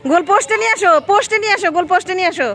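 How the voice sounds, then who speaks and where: A woman, talking casually and coaxingly to a child for a vlog, asking questions and giving gentle instructions outdoors by the water. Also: very high voice, racing. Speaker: vlogger.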